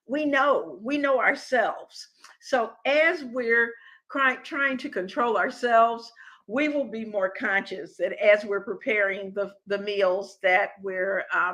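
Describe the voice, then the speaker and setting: A woman's voice: on the high side, bright, forceful tone, low-quality recording. A middle-aged woman hosting a home cooking live stream, chatting with viewers in a rambling, friendly way with many restarts. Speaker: cooking channel host.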